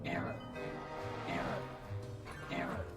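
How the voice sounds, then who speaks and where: Glitching robot agent, robotic filter, malfunctioning game character, loud music behind, roomy echo. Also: male voice, takes it slowly. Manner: glitching robot voice, stiff and repetitive, stuck on "error". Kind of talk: video game dialogue.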